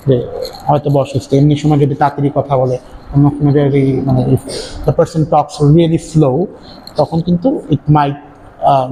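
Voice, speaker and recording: A man's voice: a little high, dark tone. A male university lecturer giving a classroom lecture, switching between Bengali and English and checking in with frequent tag questions. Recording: echoey hall, faint ambient noise.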